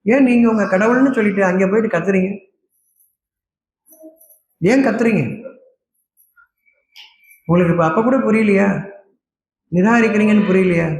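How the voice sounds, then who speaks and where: A male preacher with a high-pitched voice delivers a sermon that scolds and questions his listeners. The sound is roomy and echoey, with a faint hum of ambient noise underneath. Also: normal speed, gravelly, long pauses.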